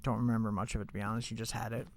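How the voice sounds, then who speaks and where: A congested, stuffed-up man chats casually during a gaming live stream, rambling with lots of fillers like "like" and "you know." His voice is fairly low, a little mellow, and fairly flat in pitch, and he talks very fast.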